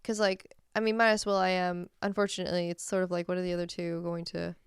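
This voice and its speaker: Very clear-voiced, chatty podcast co-host woman. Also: fairly low pitch, level tone, quick pace, no room sound, clean studio sound. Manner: chatty, rambling, laughs often. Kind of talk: casual chat. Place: Massachusetts.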